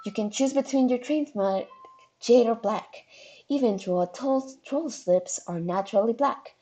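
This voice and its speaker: A woman reading a webcomic aloud on a live stream, animated and casual, with quick asides. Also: fairly high pitch, faint music behind. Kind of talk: casual live read-along.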